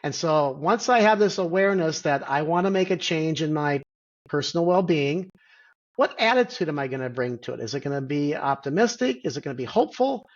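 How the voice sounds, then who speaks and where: A middle-aged man, a physician guest, explaining things in a measured way with many pauses and "and so" fillers over a video call. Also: fairly high pitch, expressive, lo-fi sound. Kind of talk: interview answer.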